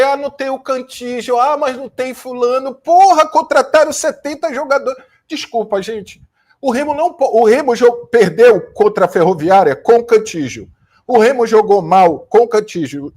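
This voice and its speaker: A Brazilian man fires off a post-match football rant from his room. His voice sits high, and he hammers each point home bluntly, repeating lines and swearing now and then. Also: darkish tone. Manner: emphatic, repetitive, blunt with mild swearing. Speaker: football commentator, channel host. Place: home room with a fan running, new studio being set up.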